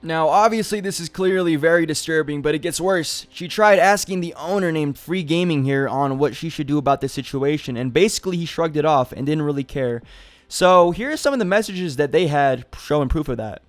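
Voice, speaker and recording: A man's voice: a little high, fairly quick. A man hosting a gaming commentary video, talking casually with lots of "you know" and "like". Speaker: gaming YouTuber.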